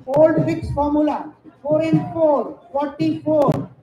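High-pitched Indian male bingo caller. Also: steady tone, slow, slight background noise. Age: middle-aged. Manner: singsong announcing, numbers called digit by digit. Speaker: bingo caller at a Diwali party. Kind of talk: bingo calling over a microphone, drawn-out numbers and rhyming nicknames. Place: outdoor evening party in front of a stage. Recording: echoey event PA with loud music behind.

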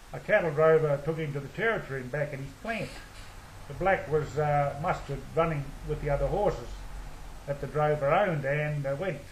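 An older man with an Australian accent, a retired drover telling a story from his life in an unhurried, folksy way. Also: fairly high pitch, roomy sound, slight background noise, low-quality recording. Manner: unhurried yarn-spinning with folksy asides. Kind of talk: spoken memoir storytelling.

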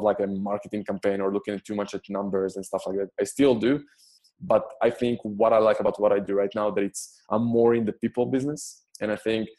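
Soft-toned Israeli man, halting speech. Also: fairly low pitch. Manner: halting, frequent restarts and stammered repeats, non-native phrasing. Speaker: podcast guest, business investor. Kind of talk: casual interview answers.

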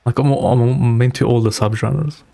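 Speaking at a moderate pace, this young man has a medium-pitched, steady, warm voice with vocal fry. He streams live reactions from a small indoor room at home, slangy and casual, close to a boom-arm broadcast mic, as the watched video's music plays. The recording sounds dry.

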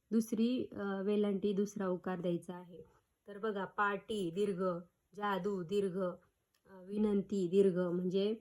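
A woman's voice: mid-range voice, dark tone. A woman teacher giving a grammar lesson to schoolchildren, sounding out syllables one by one and asking questions back to the class. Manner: slow, syllable-by-syllable drilling with repeated questions.

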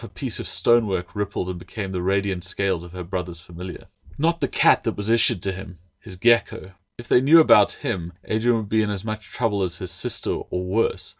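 Low-voiced male audiobook narrator. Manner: steady, measured storytelling. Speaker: author reading his own book.

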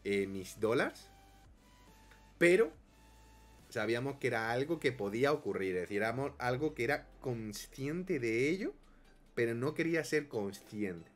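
A man with a Spain Spanish accent commentating his own gameplay, swinging his pitch widely as he grumbles about his luck in a theatrical, self-mocking way. Faint game music plays behind him. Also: animated, normal speed. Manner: melodramatic, self-mocking complaining. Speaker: gaming YouTuber.

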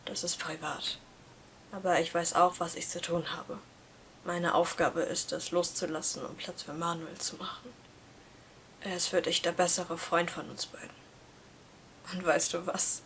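A woman voicing a quiet, gentle teenage schoolboy who speaks in a soft, half-whispered way while reading a story aloud. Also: fairly low pitch, flat delivery, slow pace, pauses often, slight background noise. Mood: hushed resigned.

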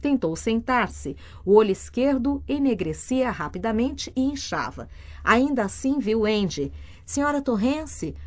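A woman from Brazil reading a novel aloud as an audiobook narrator, steady and measured. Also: fairly high pitch. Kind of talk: scripted narration.

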